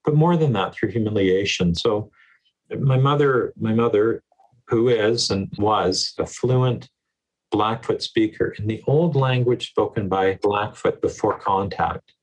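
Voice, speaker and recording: Male educator guest, slightly husky, lowish register; earnest, emphatic, repeats key words. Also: measured pace, rough recording. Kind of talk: earnest conversational interview.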